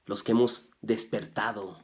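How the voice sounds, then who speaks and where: A man preaching a sermon as pastor. He drops to soft, low asides, then rises loudly when he reads scripture, and he asks his listeners rhetorical questions. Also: steady tone, a little slow. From Mexico. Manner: swings from soft, low asides to loud, raised scripture reading.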